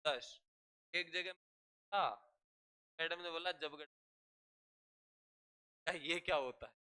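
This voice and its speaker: Man, classroom teacher, very crisp and clear diction, drills with repeated questions. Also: fairly high pitch, fairly even intonation, unhurried, pushed and bright. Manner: drills students with repeated questions and call-and-response. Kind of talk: classroom lecture.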